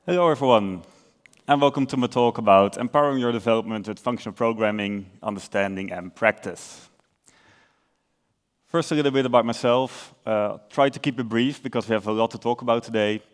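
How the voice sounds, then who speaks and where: With a mid-range voice and a slightly fast delivery, a young Dutch conference speaker from the Netherlands lays out his points in an easygoing manner. His accent is Dutch, and he uses filler "uhs" and corrects himself now and then.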